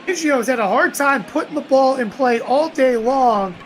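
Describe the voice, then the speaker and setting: A woman's voice: high-pitched, expressive, normal speed, slight background noise. A woman doing emphatic, conversational play-by-play baseball commentary on a live stream.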